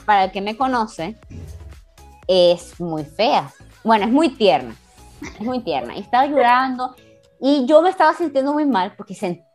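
A woman in her twenties co-hosting a podcast, telling a story in an animated, casual way and laughing often. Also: fairly high pitch. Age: 20s. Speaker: podcast co-host.

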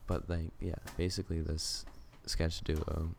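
A man's voice: rumbling low, level tone, measured pace, creaky, darkish tone, a little hiss or hum. A young man, a college student, telling a story in easygoing casual chat with many fillers. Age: young adult.

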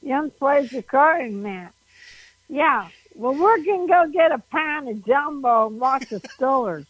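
A woman's voice: high-pitched, expressive, a little slow, no room sound, low-quality recording. A woman doing a gabby Pittsburgh local. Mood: teasing. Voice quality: exaggerated regional drawl. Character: gabby Pittsburgh local with heavy regional twang.

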